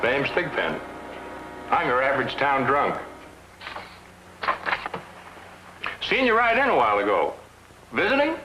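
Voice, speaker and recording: An actor playing a friendly town drunk in an Old West comedy, talking in a folksy, ungrammatical way. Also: male voice, mid-range voice, big pitch swings, moderate pace, roomy sound, background noise, natural voice. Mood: chatty, curious. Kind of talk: western screen comedy acting.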